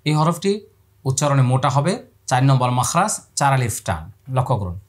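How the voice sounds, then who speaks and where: Calmly walking through Quran pronunciation one step at a time, a man explains each point and then draws every letter sound out in extended calls. He asks himself questions and supplies the answers for the viewer. His voice is mid-range and slightly rough, at normal speed.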